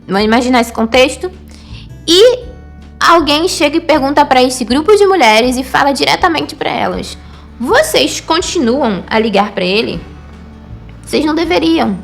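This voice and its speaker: A woman, patiently explaining a language lesson, checking in with short tag questions. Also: on the high side. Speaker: Hebrew teacher.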